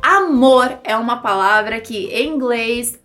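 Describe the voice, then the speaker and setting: Brief: Brazilian woman, English teacher, high bright voice, chatty and lively, faint music underneath. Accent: Brazilian Portuguese. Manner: lively, chatty, demonstrates words slowly for repetition. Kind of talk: pronunciation lesson video.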